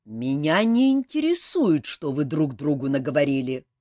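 Lady reading as a stern colonel guy barking orders, husky low voice, swings up and down a lot. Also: big pitch swings, moderate pace, mellow, no room sound, clean studio sound. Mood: commanding. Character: stern bellowing male army colonel.

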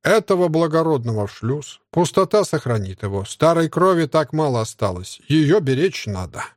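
A man's voice: fairly high pitch, very animated, moderate pace, dry recording, clean studio sound. A man voicing a brutish, cannibal cyborg gang boss who gloats, sneers and roars in an audiobook. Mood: gloating. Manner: gloating, sneering, roaring, with braying laughs. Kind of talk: audiobook character voice.

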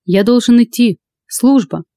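A woman's voice: fairly high pitch, measured pace, warm tone, no echo, voice pushed up. A woman reading an audiobook, voicing an earnest, eager young policeman who speaks formally and politely.

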